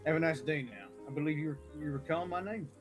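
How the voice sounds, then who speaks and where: A man in a role-play game voicing a brisk, courteous male chief investigator who gives orders. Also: a little high, music in the background, close to an everyday voice. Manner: courteous, commanding.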